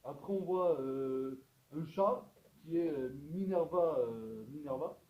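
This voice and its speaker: A man giving a comedic, rambling film review as the host of his channel, hesitating often and breaking into sudden loud outbursts. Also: fairly high pitch, slow pace. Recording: echoey room, dull lo-fi sound.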